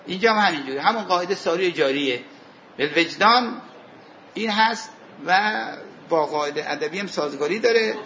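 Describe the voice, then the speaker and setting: A man teaching a seminary class on Arabic grammar and scripture, asking his students questions, answering them himself, and reciting verses slowly. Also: high voice, expressive, sharp tone, muffled recording. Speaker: religious studies teacher.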